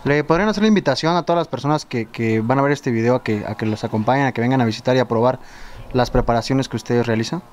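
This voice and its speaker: A man with a Oaxacan Mexican Spanish accent, hosting and interviewing outdoors with brisk, upbeat questions. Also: medium pitch, slight background noise. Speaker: host interviewer. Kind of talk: casual interview. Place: outdoors by a lake.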